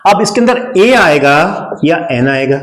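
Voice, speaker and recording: A man with an Indian English accent, a Hindi speaker, teaching English grammar and repeating words slowly and emphatically for his students. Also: fairly high pitch, sing-song, a bit bright, roomy sound, rough recording. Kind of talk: classroom-style grammar lesson.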